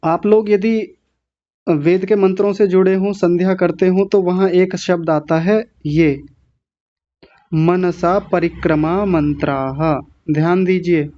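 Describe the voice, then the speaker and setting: A man teaching Sanskrit pronunciation in an online class, correcting syllable by syllable and clearing his throat often. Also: sits high, steady tone, dark tone, muffled recording. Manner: slow, deliberate syllable-by-syllable correction.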